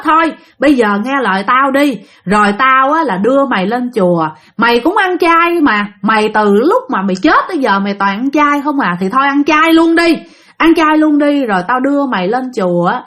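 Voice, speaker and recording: A woman's voice: sits high, fairly bright tone, pitched above the performer's own voice. A woman doing a stern old exorcist, Southern accent. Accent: Southern Vietnamese. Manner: scolding, insistent, raised voice. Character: stern older male exorcist master, scolding.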